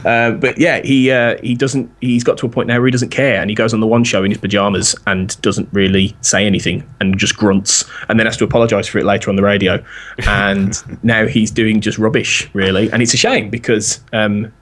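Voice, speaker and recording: A man's voice: on the low side, flat delivery, brisk, fairly bright tone. A man, a podcast guest, rambling in casual chat and laughing often.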